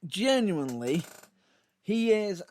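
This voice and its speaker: A man's voice: high-pitched, very animated, takes it slowly, a little mellow. A man co-hosting a podcast, laughing often and steering the talk onward. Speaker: podcast co-host. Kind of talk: casual chat.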